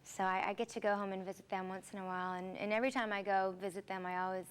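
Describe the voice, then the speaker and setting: Her medium-pitched voice is smooth and quick, with little pitch movement. The young musical theater actress, Philippine-born and Seattle-raised, chats warmly through interview answers, often using fillers and starting over.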